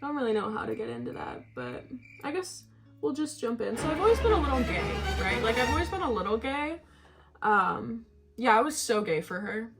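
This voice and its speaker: Animated young woman telling a gossipy storytime. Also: fairly high pitch, brisk, gravelly, over loud music. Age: 20s. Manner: candid, gossipy, slangy, often laughing. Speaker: vlogger. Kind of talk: casual get-ready-with-me storytime chat.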